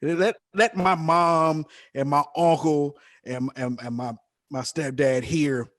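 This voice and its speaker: A man's voice: a little high, steady tone, takes it slowly, no room sound, clean studio sound. A man co-hosting a casual podcast chat, talking emphatically and repeating phrases for effect. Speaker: podcast co-host.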